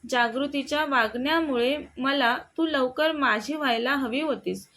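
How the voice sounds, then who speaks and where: Stubborn hurt young husband in a spoken love story, woman reading him, slow and earnest. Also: sits high, a bit bright.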